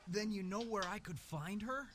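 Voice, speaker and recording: An actor voicing an earnest young male hero in an adventure game, polite but quick to get fired up. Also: high voice, noisy background, natural voice. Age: young adult. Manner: polite, then fired-up and listing insults. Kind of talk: game voice acting.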